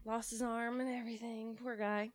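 A woman's voice: on the high side, flat delivery, moderate pace, no room sound. A woman co-hosting a podcast, chatting casually, laughing often and tripping over words. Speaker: podcast co-host. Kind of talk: casual chat.

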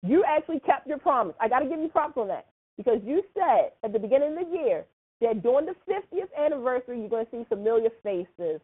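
Woman podcast host, casual soap recap, chatty filler-heavy talk, slightly high voice, tinny phone-like audio. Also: big pitch swings, quick pace, husky. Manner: chatty, full of fillers like "like" and "you know".

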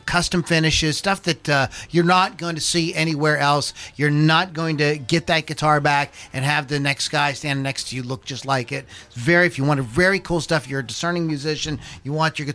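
A man's voice: a little high, pushed and bright. A man hosting a podcast, ad-libbing plugs and patter in a loose, informal, rambling way. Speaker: podcast host. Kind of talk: casual ad-libbed show patter and plugs.

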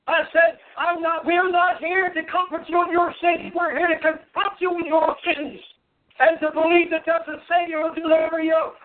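Male pastor preaching hard, forceful and emphatic, tinny narrow-band recording. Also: very high-pitched. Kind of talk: impassioned sermon. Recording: narrow, phone-like band-limited sound.

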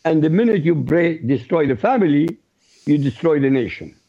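Man, gravelly, husky, mellow tone, muffled line. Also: a little high, lively intonation, normal speed. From Iraq. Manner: blunt, outspoken, laughs easily. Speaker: regular co-host panelist. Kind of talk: radio talk show commentary.

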